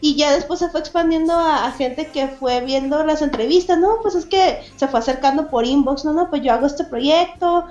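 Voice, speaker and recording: Talking at a moderate pace with hardly any pauses, a high-voiced, slightly mellow woman from Mexicali, Baja California, Mexico, guests on a casual interview as a cartoonist and event organizer. She's chatty, laughs a lot, and keeps using fillers and restarting. Soft background music sits under lo-fi, reverberant sound.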